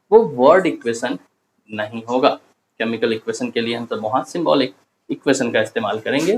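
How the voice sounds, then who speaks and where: A man's voice: a little high, low-quality recording. A male chemistry teacher, giving a classroom lecture and asking and answering his own questions as he explains step by step.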